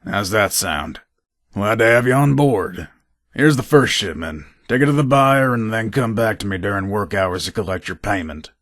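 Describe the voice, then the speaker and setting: Voiced by a male actor, a crafty video game gun seller and robber drives a hard bargain, his slightly low voice moving a lot in pitch as he pitches. He's casual and businesslike, animated at a normal speed, with a fairly bright tone on a close, dry recording with no room sound.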